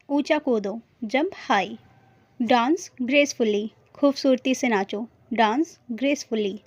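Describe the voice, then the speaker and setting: A young woman teaching an English lesson, reading each short phrase slowly and then repeating it. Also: fairly high pitch, no room sound, studio quality. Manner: slow, deliberate repetition of short phrases.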